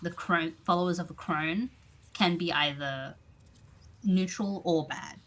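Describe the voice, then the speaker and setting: A woman's voice: lowish voice, unhurried, fairly bright tone, rough recording. A woman running a tabletop game as game master, explaining the setting's lore in a chatty, digressive way full of fillers.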